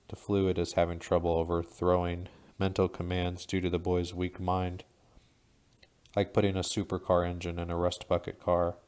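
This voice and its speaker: A man narrating an audiobook in a steady, measured reading. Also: low voice, clean tone.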